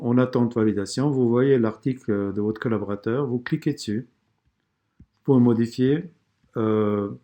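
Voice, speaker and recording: A man with an accent walking through a software tool step by step, with frequent fillers and restarts. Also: mid-range voice. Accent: non-native or regional French accent. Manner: explanatory, hesitant, many fillers and restarts. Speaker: software tutorial presenter. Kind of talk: screen-recorded software tutorial.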